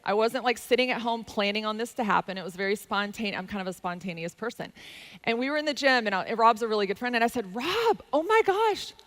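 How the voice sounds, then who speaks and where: A woman's voice: mid-range voice, quick pace, fairly bright tone. A woman with a Southern US accent, telling her experience in a casual, enthusiastic panel talk with lots of fillers. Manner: chatty and enthusiastic, with many "like" fillers. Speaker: company representative sharing her experience.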